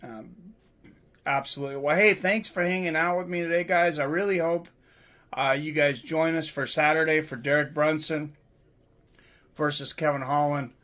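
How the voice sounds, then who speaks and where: A man's voice: fairly high pitch, fairly even intonation, normal speed, fairly bright tone. A man hosting a casual online show, chatting loosely about fights and signing off in a rambling way. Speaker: host. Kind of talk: casual chat.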